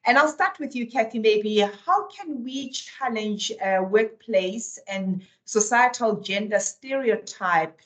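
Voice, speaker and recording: A woman moderating a virtual roundtable, introducing guests with many pauses and fillers. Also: fairly high pitch, animated, low-quality recording. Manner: warm, hesitant, with many fillers. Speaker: event moderator. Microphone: video call.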